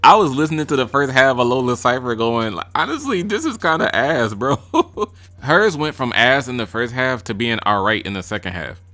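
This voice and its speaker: A man's voice: mid-range voice, expressive, moderate pace, bright, forceful tone, faint music behind. A man giving casual ranking commentary on rap verses, blunt, profane and mocking. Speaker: music reaction vlogger.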